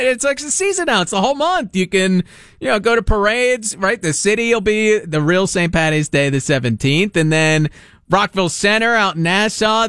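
New guy, sports radio host, high-pitched and very lively, joking banter, dry studio sound. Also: clear, resonant tone, dry recording. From Long Island, New York. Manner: animated, joking, riffs and repeats himself. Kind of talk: casual sports talk banter.

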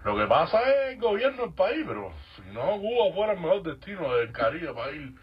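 A man's voice: fairly high pitch, sing-song, a little fast, slightly rough. A man calling in to a radio show, enthusiastic and slangy, calling the hosts bro. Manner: enthusiastic, slangy, calls people bro and loco. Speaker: radio caller. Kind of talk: phone-in call. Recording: muffled phone line.

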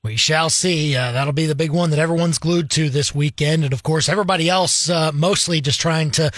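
Man, radio host, slightly higher voice, dry studio sound, easygoing. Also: fairly quick, no room sound. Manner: friendly, conversational, with many fillers. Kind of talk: casual radio interview.

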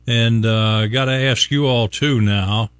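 A man hosting a morning radio show, easygoing and quick to laugh with his co-hosts. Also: mid-range voice, fairly even intonation, fairly bright tone, smooth, dry recording. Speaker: radio host. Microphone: studio microphone.

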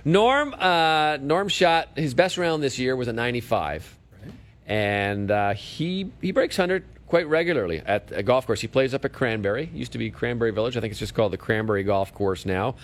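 A man's voice: medium pitch, lively intonation, normal speed. A man co-hosting a golf show in casual chat, telling stories easily and laughing often. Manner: easygoing storyteller, laughs often.

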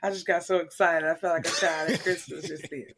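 An American woman co-hosting a podcast, chatting casually and telling personal stories in an expressive, exclamatory way with a husky voice. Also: fairly low pitch, a little fast, a little hiss or hum. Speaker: podcast co-host. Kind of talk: casual chat and personal storytelling.

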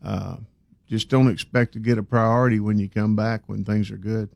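A man's voice: fairly low pitch, fairly even intonation, normal speed, creaky, a little mellow, no room sound. A man giving folksy, opinionated commentary as a sports talk host. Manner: plain-spoken, folksy, opinionated.

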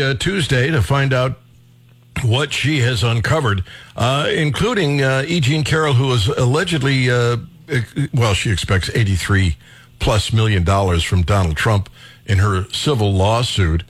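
Male talk radio host, mid-pitched, casual and a little rambling, dry studio sound. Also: no echo, faint music behind. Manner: casual, halting, many fillers and restarts.

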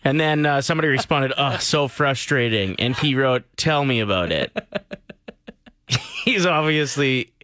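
A man's voice: medium pitch, animated, unhurried, bright, forceful tone, dry recording, clean studio sound. A man co-hosting a morning radio show, chatting casually and joking around. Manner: joking, playful, drifts into half-sung lines.

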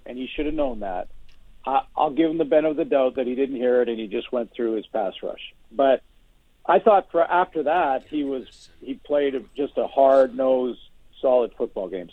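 A man giving measured football analysis as a guest on a sports radio show, restarting his sentences often. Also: mid-range voice, no room sound. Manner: measured, many restarts and hedges. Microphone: phone. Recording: tinny phone line.

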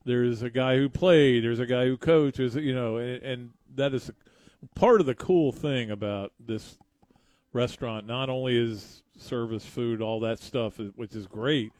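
A man co-hosting casual live radio, rambling and often repeating himself haltingly. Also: medium pitch, a little mellow, no echo. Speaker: radio co-host.

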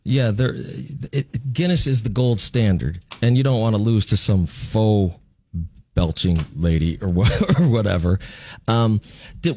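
A man's voice: fairly low pitch, a little mellow. A man hosting a casual, joking radio interview in a sarcastic, irreverent way. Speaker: radio show host.

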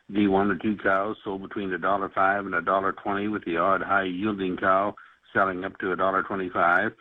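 A man reading a scripted livestock market report for a radio farm report, over a narrow phone-like line. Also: deep voice.

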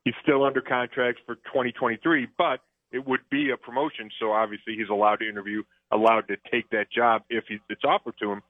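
This man, a football analyst, talks football on the radio in a loose, conversational way, stopping and restarting often. His medium-pitched voice stays fairly even and he talks fast, recorded dry over a phone line.

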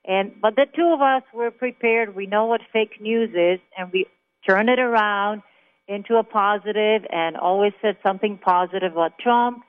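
A woman's voice: medium pitch, normal speed. Woman from israel calling in, tinny phone line, emphatic chatty storyteller. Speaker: caller. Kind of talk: phone interview on talk radio.

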